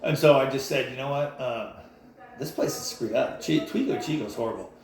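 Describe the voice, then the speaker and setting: Gravelly man rambling in an echoey space. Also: mid-range voice, fairly quick, darkish tone. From United States. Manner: rambling, full of fillers and restarts. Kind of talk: casual rambling monologue. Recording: very echoey with faint noise.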